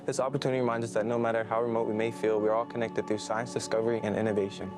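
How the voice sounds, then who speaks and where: A man's voice: lowish voice, level tone, racing, music in the background. A young man, a student speaker, reading scripted opening remarks.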